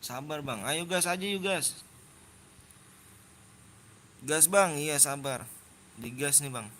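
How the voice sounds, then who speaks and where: A man in his twenties with a Jakarta Indonesian accent hosts a livestream of custom game rooms, chatting casually in slangy, repetitive speech while lecturing viewers on manners. His voice is a little high, with an unhurried pace and a sharp tone. Slight background noise is audible.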